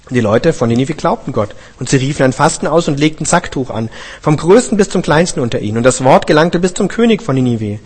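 A man with a slightly raised voice reads scripture aloud at an even, measured pace. He now and then stumbles and corrects himself, keeping the telling steady. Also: a little high, long reverb tail. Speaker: scripture reader. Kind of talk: Bible reading.

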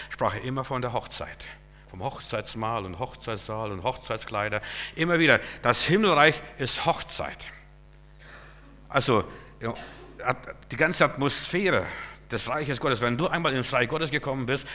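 A man preaching a sermon in a lively, emphatic way, swinging between loud bursts and quiet asides. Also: medium pitch, slight background noise. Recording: long hall reverb.

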